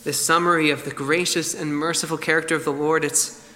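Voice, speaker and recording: A man's voice: on the high side, level tone, brisk, bright, forceful tone, big-room sound. A man preaching an expository sermon in an earnest, emphatic way.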